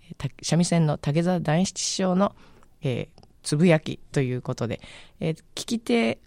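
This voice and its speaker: A woman's voice: low-pitched, expressive, normal speed, darkish tone, no echo. A woman radio host casually recommending a book on air, chatty and musing, often searching aloud for the right word.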